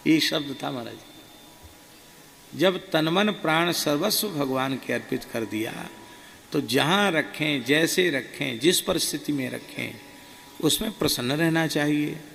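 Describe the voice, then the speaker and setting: Monk narrator, gravelly, mid-pitched, earnest devotional storytelling in a reverberant hall. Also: male voice, a bit bright. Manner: slow, earnest and subdued. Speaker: monk telling a spiritual experience. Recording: reverberant hall, faint ambient noise.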